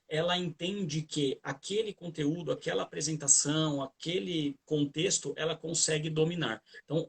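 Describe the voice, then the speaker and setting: Gravelly-voiced man giving calm advice. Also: a little high. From Brazil. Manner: hesitant restarts, repeated fillers. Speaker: guest trainer. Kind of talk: casual conversational advice. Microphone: video call.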